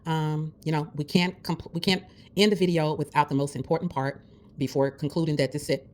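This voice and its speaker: A woman's voice: low voice, steady tone, fairly quick, darkish tone. A woman vlogger chatting through a nail tutorial, calling viewers besties in a friendly, encouraging way, with the hiccups. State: has the hiccups. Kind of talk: casual tutorial chat.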